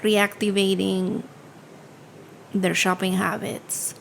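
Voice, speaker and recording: A woman co-hosting a podcast conversation, speaking in an unhurried, thoughtful way with trailing fillers. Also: medium pitch, level tone, vocal fry, a little hiss or hum, rough recording. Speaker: podcast co-host. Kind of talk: casual conversation. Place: home studio.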